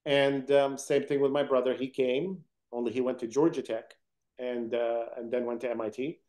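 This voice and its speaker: A man's voice: mid-range voice, flat delivery, normal speed, darkish tone. A middle-aged man, raised in Egypt and Sudan, telling his story as a guest in an interview in an earnest, determined way. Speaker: interview guest, company founder. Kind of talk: conversational interview.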